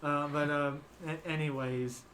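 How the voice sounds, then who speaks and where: Young guy rambling about sports, lots of uhs, a bit high, faint room hiss. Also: flat delivery, a little slow, fairly bright tone. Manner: rambling, many fillers and restarts. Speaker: podcast host. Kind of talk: casual sports chat.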